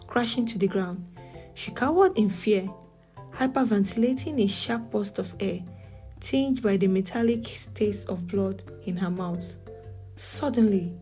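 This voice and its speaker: A woman from Nigeria with a Nigerian accent, telling a folktale as a storyteller in measured, dramatic narration. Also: medium pitch, mellow. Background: faint music.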